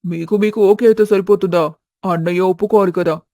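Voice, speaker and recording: A woman's voice: mid-range voice, fairly even intonation, brisk, dark tone, no echo, studio quality, pitched below the performer's own voice, close to an everyday voice. A woman doing a cheeky younger brother. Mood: mocking. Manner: mocking, playful. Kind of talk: storybook voice acting.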